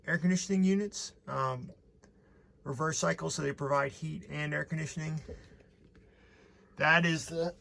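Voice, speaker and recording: A man's voice: on the high side, sharp tone. A man hosting a casual walkthrough vlog, explaining things in an easygoing, somewhat hesitant way. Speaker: boat owner and vlog host. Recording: noisy camera audio, clear background noise.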